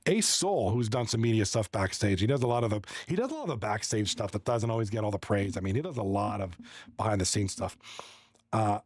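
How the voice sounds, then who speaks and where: A man's voice: lowish voice, lively intonation, a little fast, dry recording, studio quality. A man from Toronto, an esports hockey commentator chatting casually on a livestream, friendly and rambling, reading the chat and running through stats. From Toronto, Canada. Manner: rambling, friendly, reads chat aloud and runs through stats with many restarts.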